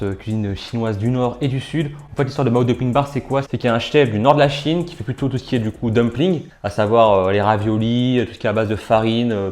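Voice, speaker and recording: A man hosting a food video at home talks in a loose, chatty way, full of fillers, as he cooks and tastes dish after dish. His voice sits at a plain middle pitch, and he chews between short phrases. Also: a little mellow. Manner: chatty, filler-heavy, talks while tasting and eating. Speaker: food challenge video host. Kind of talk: casual food vlog commentary. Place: at home kitchen and dining table.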